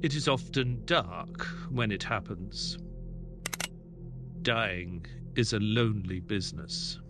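A man playing a mild, earnest doctor who narrates his detective tale in a measured, polite audio play style. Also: fairly low pitch, over loud music. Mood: reflective. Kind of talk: dramatic first-person audio play narration.

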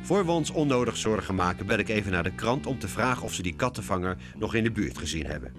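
A calm, kindly older lady from a cartoon, played by a man. She talks sensibly in a slightly raised voice with lively pitch, over a music bed. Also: fast.

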